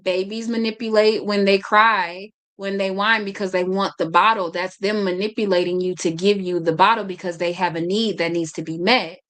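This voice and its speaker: A woman's voice: medium pitch, steady tone, normal speed, hardly any pauses, fairly bright tone. A woman hosting a podcast, chatting casually, talking a lot and often stumbling and restarting her sentences. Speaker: podcast host.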